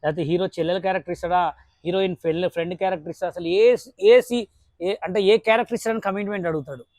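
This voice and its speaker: A woman's voice: on the low side, steady tone, racing, darkish tone, dry recording. A woman with a Telangana Telugu accent hosting an informal interview, bluntly probing and repeating her questions insistently. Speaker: interviewer and host.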